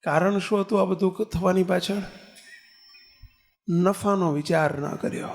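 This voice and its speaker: This Gujarati swami, from India, speaks at a measured pace in a high-pitched, creaky voice while faint music plays behind him. Preaching a discourse in a temple assembly hall, he tells stories with quoted dialogue and asks rhetorical questions.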